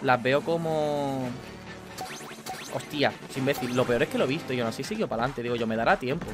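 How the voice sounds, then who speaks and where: A young man with a Spanish accent from Spain, chatting casually while playing a video game, excitable and swearing at the game. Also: mid-range voice, fairly quick. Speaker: gaming YouTuber. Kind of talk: casual gameplay commentary. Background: video game music.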